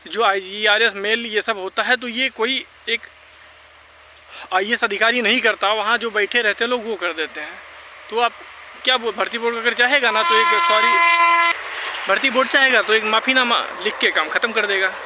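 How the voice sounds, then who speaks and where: Background noise accompanies a man whose pitch is extremely high and whose pace runs a little fast. He's a vlogger arguing informally with exam candidates, hammering the same points and peppering his talk with English words.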